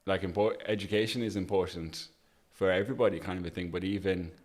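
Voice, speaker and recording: Very deep-voiced man hosting. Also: steady tone, fast talker. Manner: informal, discursive, checks listener follows. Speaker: podcast host. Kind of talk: casual conversational interview.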